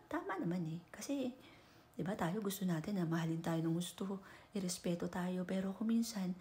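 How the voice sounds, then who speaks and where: A Filipino vlogger with a Filipino accent casually gives relationship advice, mixing Tagalog with English and ending sentences with "no?" and "di ba?". Her voice is medium-pitched with a dark tone.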